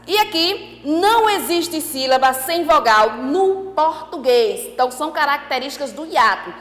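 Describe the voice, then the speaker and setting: A woman teacher giving an online class, lively, asking the class questions and repeating key points. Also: sits high, moderate pace, echoey room, in a large hall.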